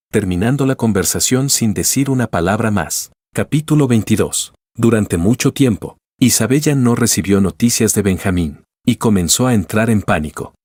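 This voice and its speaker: A man narrating a scripted story in an even, measured reading. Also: fairly low pitch, slightly rough, no echo, clean studio sound.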